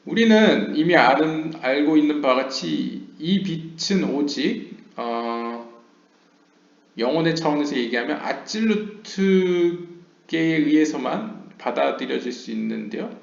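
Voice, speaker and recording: A man giving a lecture. He reads English passages slowly and explains them at length, with frequent hesitation fillers. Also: a little high, lively intonation, creaky. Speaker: lecturer on Kabbalah. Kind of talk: lecture, reading text aloud and explaining. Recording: roomy, dull lo-fi home recording.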